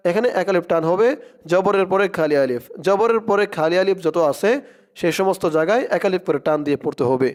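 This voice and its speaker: A man teaching Quran pronunciation, spelling out each letter slowly and then chanting the verse in long drawn-out tones. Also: sits high, clean tone. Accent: Bangladeshi Bengali.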